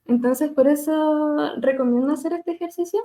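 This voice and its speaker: High-voiced woman teaching vocal exercises. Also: normal speed. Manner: gentle, demonstrates hums and glides, laughs at herself. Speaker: speech therapist leading a webinar. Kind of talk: live webinar lesson on vocal exercises.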